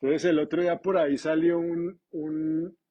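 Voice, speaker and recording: Husky, high-voiced male preacher. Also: moderate pace, highs cut off. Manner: animated, conversational preaching with humor. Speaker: pastor. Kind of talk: sermon.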